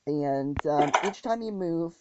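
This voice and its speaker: A woman's voice: sits low, animated, takes it slowly. A woman hosting a casual gameplay walkthrough, talking hesitantly with many ums and restarts. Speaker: gaming channel host. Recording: dull lo-fi audio with loud noise.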